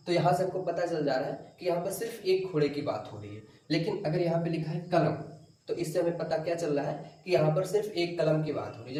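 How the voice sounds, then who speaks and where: A man's voice: a little high, darkish tone. Man teaching grammar in an echoey room. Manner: explains step by step, asks and answers own questions. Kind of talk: classroom lecture to exam students. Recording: roomy echo, from far off.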